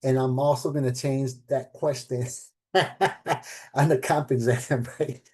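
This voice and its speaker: A middle-aged program director chats casually with a room during an event panel, his medium-pitched voice warm, mellow, and a bit husky. He speaks a little slowly, leaning on fillers and rhetorical "right?" questions, and grows animated whenever he quotes someone else.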